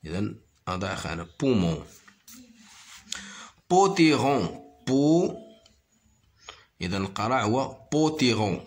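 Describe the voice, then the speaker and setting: A man teaching a primary school French lesson, repeating each word slowly, counting syllables and explaining in Arabic. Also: lowish voice, sing-song. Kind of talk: slow classroom reading lesson.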